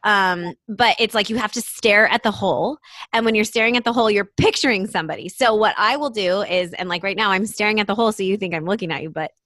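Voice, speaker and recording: A woman's voice: medium pitch, fast, fairly bright tone, no room sound, studio quality. A young woman hosting a podcast in a casual chat, talking loosely with many "like" fillers and frequent laughs. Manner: chatty, lots of "like" fillers, laughs often. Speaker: podcast host and coach.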